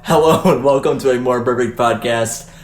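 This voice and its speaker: A young man hosts a casual podcast, chatting loosely with fillers and restarts. His voice is mid-range and his speed normal. The room is echoey, with faint noise.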